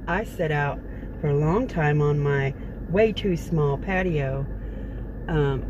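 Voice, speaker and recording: A middle-aged Texan woman vlogs from a parked car, chatting casually to her phone camera held close and rambling in a folksy way with many fillers. Her voice is low-pitched with the highs cut off, and the car interior has noticeable background noise.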